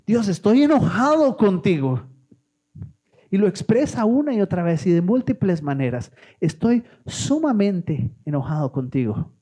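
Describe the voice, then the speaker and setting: A male preacher delivers a sermon with a high, lively voice. His tone is dark and mellow, and he keeps turning to the congregation with questions. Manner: animated, asks the congregation questions.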